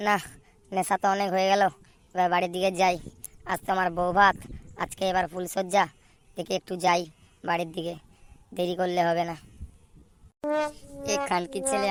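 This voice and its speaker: A woman's voice: lowish voice, slight background noise, natural voice. A woman voicing a drunk, foul-mouthed young male groom in a cartoon, muttering and cursing. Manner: slurred muttering with crude swearing. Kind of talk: cartoon voice acting.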